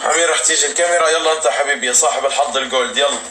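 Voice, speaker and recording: A man doing fast, teasing live game commentary while hosting custom rooms and cheering players on. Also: mid-range voice, heavy background noise. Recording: roomy, distant mic, loud music.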